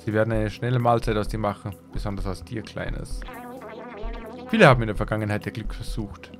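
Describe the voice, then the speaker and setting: A man voicing a grumpy male robot who gives warnings in a low, curt, dismissive voice in a video game. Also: steady tone, brisk, natural voice. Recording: game music playing behind.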